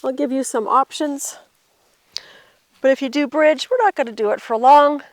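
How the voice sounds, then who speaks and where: Higher-pitched woman guiding a yoga class. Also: moderate pace, no echo. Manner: gentle cueing while demonstrating the poses herself. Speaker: yoga instructor. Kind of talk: guided yoga class instruction.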